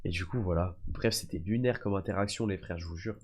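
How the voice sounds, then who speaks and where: Speaking deep and a little fast, this young man from France chats with his stream audience, spinning casual stories and addressing them as "les gars" and "frère." He's often sick, and there's a slight hiss or hum in the audio.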